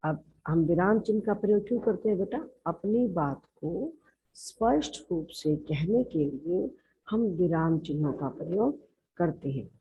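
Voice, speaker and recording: A woman's voice: lowish voice, lively intonation, measured pace, a little hiss or hum. A woman school teacher with a Haryanvi Hindi accent, patiently explaining a grammar lesson and addressing the pupils affectionately. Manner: explains patiently, calls listeners "beta". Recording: lo-fi, narrow band.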